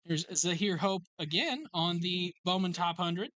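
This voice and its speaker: Card break host calling pulls at a card shop, bright forward voice, dry close sound, quick matter-of-fact roll call of names and numbers. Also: mid-range voice, animated, no room sound. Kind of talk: live card break commentary.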